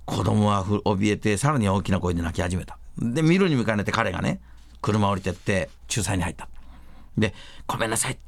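A man hosting a show, chatting casually and retelling stories in an animated way with many fillers. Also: on the low side, a little fast, gravelly, no echo. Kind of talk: casual storytelling.

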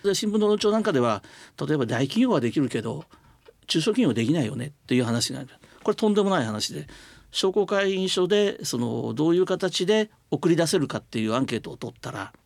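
A man's voice: on the high side, very animated, quick pace, gravelly, a little mellow, dry recording. An older man, a business leader guest on a radio interview, explaining his views earnestly at length with many fillers. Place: radio studio.

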